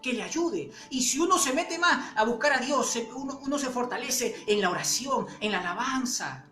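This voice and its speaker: Brief: conversational woman preacher, a bit high, echoey room with faint music. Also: animated, bright, forceful tone. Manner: conversational, many fillers and pauses. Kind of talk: sermon with storytelling.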